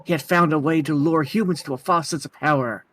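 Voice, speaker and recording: A man's voice: fairly high pitch, brisk, a bit bright. A man voicing a solemn, godlike giant bird in a video game, speaking in stately, formal, philosophical phrases. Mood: grave, ominous. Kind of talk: reading video game dialogue aloud.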